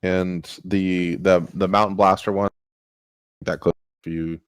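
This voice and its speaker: A man's voice: deep voice, level tone, measured pace, clear, resonant tone, no room sound. A man casually explaining board game rules, rambling with many fillers.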